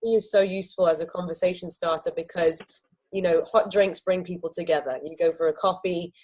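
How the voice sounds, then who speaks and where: A woman's voice: fairly low pitch, fairly even intonation, brisk, darkish tone, poor audio. A woman hosting a sales training video, talking enthusiastically and persuasively and acting out little exchanges with customers. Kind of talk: training talk.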